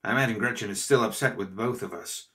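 A man voicing a kindly, eager older male scientist with a jovial, warm manner, in an audiobook. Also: on the low side, fast. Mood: chatty. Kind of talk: audiobook character voice.

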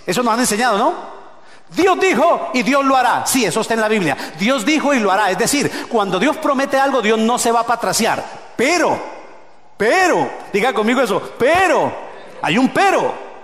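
A male pastor preaching a sermon, swinging between loud shouted peaks and low hushed asides and calling on the congregation to repeat phrases. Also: big pitch swings, moderate pace. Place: church sanctuary. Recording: echoey church hall with long reverb.

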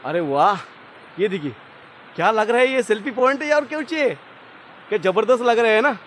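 A man filming a casual travel vlog outdoors by a loud waterfall, excited and jokey, often repeating himself. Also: high-pitched, a little fast. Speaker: vlogger. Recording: noisy outdoor recording. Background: waterfall roar and ambience.

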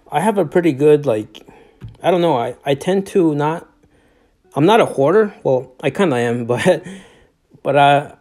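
A man's voice: mid-range voice, mellow. A middle-aged man giving a casual tour of his home, rambling with many fillers and restarts, filmed on a handheld phone. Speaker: homeowner giving a house tour. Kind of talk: casual house tour narration. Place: inside a small home. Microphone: handheld phone camera, off screen.

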